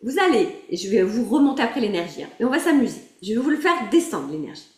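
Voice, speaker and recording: A woman's voice: fairly high pitch, big pitch swings, fast talker, darkish tone. A woman coaching a group through an emotional exercise over a video call, encouraging and laughing often as she calls on people by name. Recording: roomy echo.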